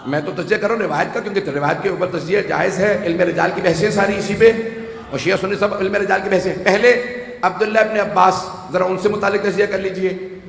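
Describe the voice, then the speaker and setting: A man preaching a rhetorical sermon to a gathering, rising to shouts and making joking asides. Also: sits high, fairly even intonation, creaky. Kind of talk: Urdu majlis sermon. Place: large hall with audience. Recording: echoey hall, faint ambience.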